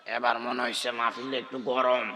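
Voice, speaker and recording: A man's voice: medium pitch, little pitch movement, normal speed, sharp tone. A middle-aged man preaching an Islamic sermon, bantering with the gathering and calling on them to answer back. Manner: chatty, bantering, calls out to the crowd for responses.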